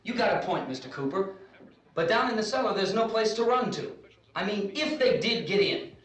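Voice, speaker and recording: A man's voice: sits high, animated, moderate pace, a bit bright, slight background noise. An actor playing an earnest, polite, conciliatory young man in a 1960s horror film. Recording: echoey old film sound, distant mic.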